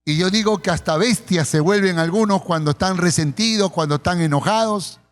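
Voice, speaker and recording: High-voiced Peruvian pastor preaching. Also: male voice. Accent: Peruvian Spanish. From Peru. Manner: storytelling with acted quotes, slowing for emphasis. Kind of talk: sermon. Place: church.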